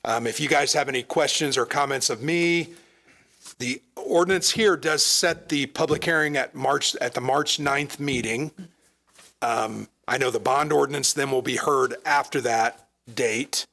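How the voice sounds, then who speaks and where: A man serving as town manager, explaining matters earnestly at a council meeting, hoarse as he loses his voice. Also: mid-range voice, unhurried, bright, forceful tone. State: losing his voice. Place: council chamber.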